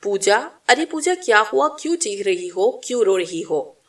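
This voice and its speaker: A woman's voice: mid-range voice, expressive, normal speed, far from the mic, natural voice. A woman voicing a frail, blind old woman who calls out anxiously in a story narration. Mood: frantic. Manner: anxious calling out.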